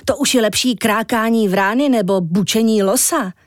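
A woman reading a children's story, voicing a giant dreamy male walrus in a lower, slower voice. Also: dry recording, clean studio sound, close to an everyday voice. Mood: startled.

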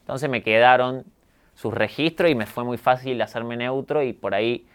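A young man from Argentina with a neutralized Argentine accent, talking calmly and candidly as a guest in an interview. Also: mid-range voice, normal speed, clear, resonant tone. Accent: neutralized Argentine Spanish. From Córdoba, Argentina. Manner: calm, reflective, candid. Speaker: guest, YouTuber. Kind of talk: casual interview talk.

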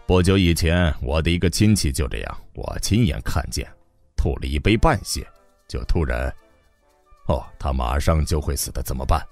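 Man voicing a low murmuring grave official. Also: lively intonation, no echo, faint music behind. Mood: grave soothing. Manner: quiet, murmuring, measured. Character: calm middle-aged male official, soothing and grave.

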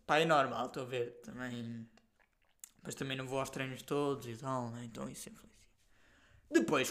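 Hosting a laid-back solo podcast, a young European Portuguese-accented man tells lively, slang-filled stories peppered with fillers and the odd swear. His voice is on the high side.

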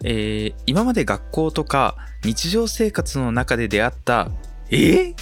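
Guy co-hosting a laid back radio show, medium pitch, super animated, bit of music behind. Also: a little slow. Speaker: co-host of an amateur net radio show. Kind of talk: casual chat.

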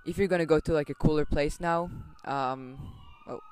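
A young man co-hosting a casual podcast, giving relaxed, reassuring advice with lots of fillers. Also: a little high, moderate pace, smooth. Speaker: podcast co-host. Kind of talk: casual chat.

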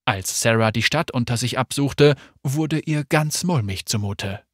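An audiobook narrator telling the story in a steady, measured way. The voice sits at a middle pitch. The read is close and dry, with no room sound. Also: no room sound. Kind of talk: scripted narration.

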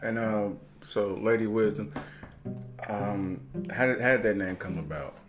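A man hosting a casual podcast interview, talking in a halting, playful and joking way. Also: fairly low pitch, music in the background. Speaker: podcast host.

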